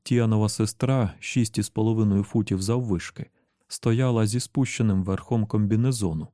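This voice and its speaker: A man narrating an audiobook in a steady, measured reading voice. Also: on the low side, no echo, studio quality.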